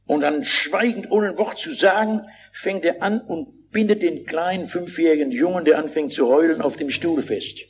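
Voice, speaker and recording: A man's voice: a little high, moderate pace, a little hiss or hum. An older man preaching a sermon, telling stories with fervent, dramatic delivery and acted-out quotes.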